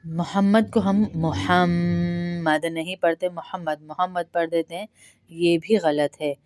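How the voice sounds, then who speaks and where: A woman with a Pakistani Urdu accent teaching pronunciation, explaining quickly and then reciting each phrase slowly as a model. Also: on the low side, fairly even intonation, darkish tone, smooth. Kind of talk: step-by-step pronunciation lesson.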